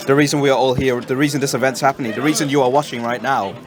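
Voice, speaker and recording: A man's voice: medium pitch, steady tone, racing. A man giving casual live boxing commentary as a fight commentator. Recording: loud crowd noise throughout. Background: loud event crowd.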